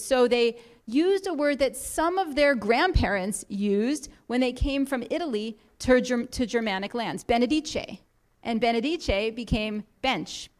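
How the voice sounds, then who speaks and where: A woman giving an explanatory talk to a congregation in a synagogue, lightly humorous and full of quoted examples. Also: on the high side. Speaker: guest speaker. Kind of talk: lecture to a congregation.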